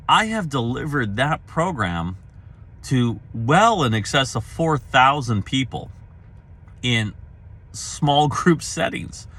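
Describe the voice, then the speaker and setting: A middle-aged man speaking as a career trainer, telling a personal story casually and acting out the dialogue in it. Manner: animated storyteller, acts out quoted dialogue with pitch jumps.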